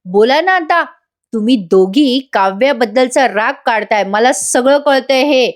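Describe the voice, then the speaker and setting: A woman's voice: on the high side, expressive, a little slow. A woman voicing a young man from a TV serial who angrily scolds his family, in a stern, reproachful way. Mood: scolding.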